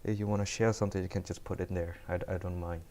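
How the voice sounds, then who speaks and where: Speaking very fast in a low, dark voice with little pitch movement, this young adult from Cambodia is a first-year student who codes live on stream. He has a cold and rambles through casual chat with viewers, often repeating and restarting words.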